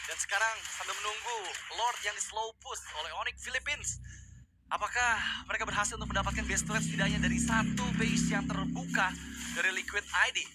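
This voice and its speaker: A man with an Indonesian accent shoutcasting a video game match as play-by-play commentator, in an urgent fighting game announcer style. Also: high-pitched, brisk, loud music behind the voice. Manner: excited, urgent calling of kills.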